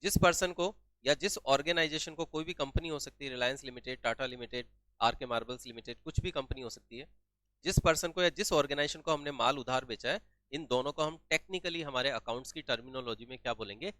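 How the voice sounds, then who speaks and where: Bright, crisp male accounting teacher. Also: medium pitch, fast talker, dry recording. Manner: asks questions and answers them himself, repeats key terms. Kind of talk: classroom-style lesson.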